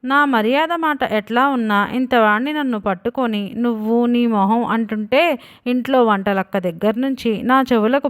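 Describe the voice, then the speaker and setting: A woman's voice: on the high side, natural voice. A cheeky storybook son who now wears his father's grown body and turns the tables on him. He lectures and taunts with defiant glee. A woman narrator reads him in her own slightly raised voice.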